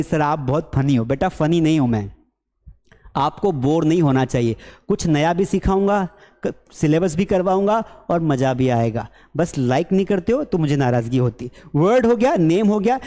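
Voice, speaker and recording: A man's voice: high voice, darkish tone, big-room sound. A man from India teaching a spoken English lesson, chatty, asking questions and answering them himself. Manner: chatty, asks and answers his own questions, mimics students.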